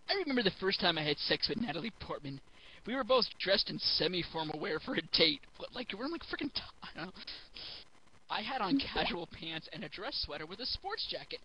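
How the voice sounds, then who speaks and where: A man's voice: high-pitched, pushed and bright, poor audio. A giggly drunk man reading a story aloud for comedy, stumbling over the text and throwing in mocking asides.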